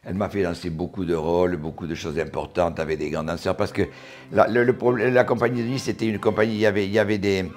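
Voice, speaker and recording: A man in his eighties with a southern French accent from Montauban, reminiscing in an interview, often halting and repeating words as he recalls. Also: deep voice, steady tone. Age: 80s. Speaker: interviewee, retired dancer.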